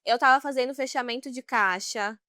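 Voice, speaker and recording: A woman co-host chatting casually and telling stories, laughing often. Her voice sits a little high and sounds bright and sharp. The sound is dry and close. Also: fairly quick, no echo. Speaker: podcast co-host. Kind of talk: casual chat.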